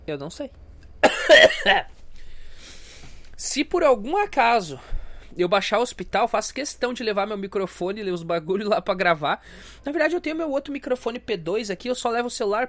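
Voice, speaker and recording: A man's voice: high voice, lively intonation, normal speed, fairly bright tone. A young man with a stuffy nose, hosting a crude, self-mocking comedy podcast rant. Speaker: podcast host.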